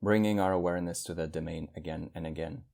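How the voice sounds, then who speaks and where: The guide in this meditation is a man whose voice is low, gravelly, steady and a little mellow. Like a teacher, he lays out measured instructions, letting long pauses settle between each one.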